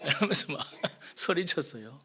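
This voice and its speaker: A male pastor giving an expository sermon, asking the congregation questions and answering them, swinging from loud emphasis to soft, whispered lines. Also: on the high side, animated, moderate pace, creaky, breathy edge.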